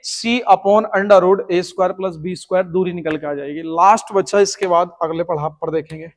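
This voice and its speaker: A man teaches math for an exam, walking through each step of a formula and pausing to ask whether his students are following. His voice sits high for a man. The sound carries a long, echoey room reverb. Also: steady tone. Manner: explains step by step, keeps checking students follow. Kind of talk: exam-prep math lecture.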